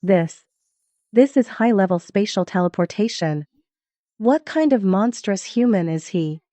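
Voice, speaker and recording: A woman's voice: medium pitch, lively intonation, unhurried, warm tone, no echo, natural voice. A woman voicing a righteous, stern alliance officer with formal delivery in a dramatic English dub. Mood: alarmed awe.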